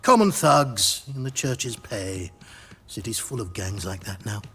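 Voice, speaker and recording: A man's voice: on the low side, lively intonation, unhurried, pushed and bright, husky, full character voice. A man playing a harassed, theatrical balladeer in a video game, rueful and given to declaiming. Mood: bitter.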